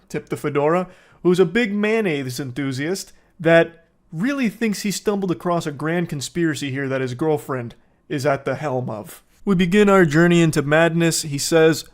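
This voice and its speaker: A man with a slightly high voice reads strange text messages aloud and riffs on them. He is sarcastic and mocking, and breaks into loud outbursts now and then. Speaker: commentator. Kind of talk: comedic commentary reading texts aloud.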